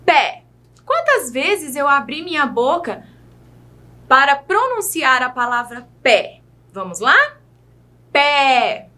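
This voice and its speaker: Woman, Brazilian Portuguese accent, teacher, children's video lesson, patient, very lively pitch, slow careful speech. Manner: slow, careful syllable-by-syllable enunciation; patient, addresses young pupils directly.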